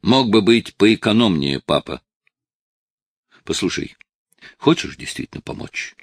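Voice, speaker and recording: A man voicing a desperate, tearful eighteen-year-old male addict who shouts and pleads with his father, in a dry, close recording. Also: fairly low pitch, sing-song, unhurried, slightly rough, no echo, full character voice. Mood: agitated.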